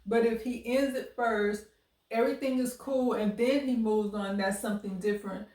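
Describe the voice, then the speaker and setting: American woman, fairly high voice, candid relationship advice, blunt and emphatic, roomy echo. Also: fairly even intonation, normal speed, a little mellow. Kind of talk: candid dating advice monologue with personal stories. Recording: roomy echo, distant microphone.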